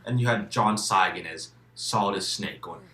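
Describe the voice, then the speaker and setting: A man's voice: on the low side, normal speed, sharp tone, roomy sound. A man who is a guest in a casual game discussion, repeating words as he restarts and swearing emphatically.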